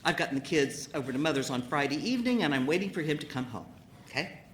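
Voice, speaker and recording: A woman sharing her personal recovery story at a meeting, an animated storyteller who acts out the people in it. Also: deep voice, fast talker, a little hiss or hum.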